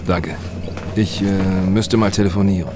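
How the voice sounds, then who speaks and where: A guarded demon hunter in a horror radio play. His voice is low and his lines are terse, set over clearly noisy ambience. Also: a little slow. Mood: curt, polite. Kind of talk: horror audio drama dialogue.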